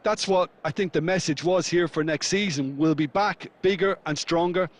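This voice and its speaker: Assured high-voiced male football pundit, played by an actor. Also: moderate pace, lightly acted. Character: opinionated male football pundit beside the main commentator. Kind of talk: scripted video game sports analysis.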